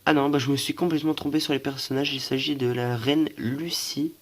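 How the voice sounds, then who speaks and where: A man's voice: mid-range voice, steady tone, a little fast. A young man from France showing his collection in a casual show-and-tell, hesitant, with many fillers and self-corrections, and stuffy from allergies. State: stuffy, coughing.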